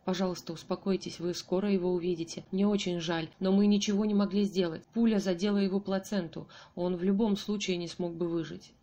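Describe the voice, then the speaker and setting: A woman reading an audiobook voices a calm, sympathetic male surgeon who speaks in a measured, soothing way. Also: fairly low pitch, natural voice.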